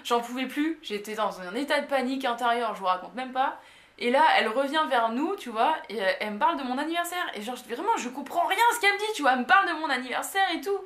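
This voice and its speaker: A young woman from France telling an anecdote in a casual, slangy way, full of fillers and lively asides. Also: sits high, fast talker. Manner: animated, slangy, many fillers. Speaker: vlogger. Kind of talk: casual storytelling. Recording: echoey room.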